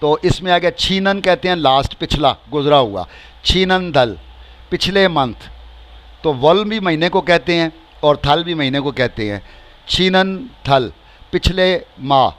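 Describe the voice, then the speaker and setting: A man with a Pakistani accent teaches a beginner language class in a slightly high voice. He talks slowly and patiently, drawing out each word and repeating phrases with their translations. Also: a bit bright. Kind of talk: spoken language lesson.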